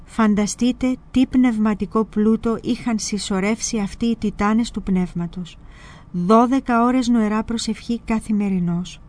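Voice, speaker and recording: A woman presenter reading a spiritual memoir aloud in a measured, expressive way. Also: on the high side.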